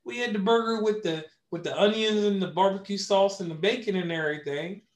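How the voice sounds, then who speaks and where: High-voiced West Virginian man in an echoey room. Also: fairly quick. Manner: animated storyteller, repeats words for emphasis, laughs often. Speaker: podcast co-host. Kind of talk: casual chat.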